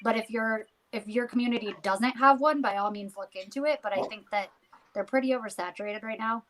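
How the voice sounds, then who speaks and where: A woman's voice: on the high side, fairly quick, fairly bright tone, a little hiss or hum, rough recording. A chatty American woman co-hosting a casual video call chat about local marketing. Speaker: co-host of a realtor marketing group.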